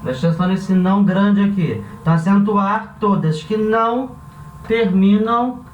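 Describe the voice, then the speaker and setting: Patient Brazilian teacher in an echoey room. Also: male voice, high voice, muffled recording. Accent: Brazilian Portuguese. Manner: slow, patient, spells out syllables and repeats examples. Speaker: Spanish teacher. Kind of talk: classroom lesson at a board. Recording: roomy echo from a distant mic, faint background hum.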